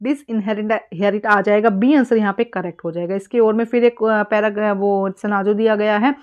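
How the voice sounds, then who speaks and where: An Indian woman teaching an exam-prep lesson, explaining casually and reading English passages slowly and haltingly. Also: medium pitch, steady tone, a little mellow, smooth, dull audio.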